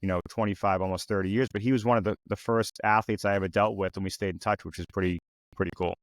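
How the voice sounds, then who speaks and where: Quick-paced and lowish in pitch, a man in his fifties hosts a podcast interview without room sound. His manner is relaxed and slightly rambling, full of restarts and "you know."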